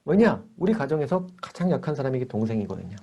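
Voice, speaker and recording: Speaking at a fast clip in a medium-pitched voice, a man runs a church character-training session for kids and their parents via video call. He's animated, playing out little conversations with the children.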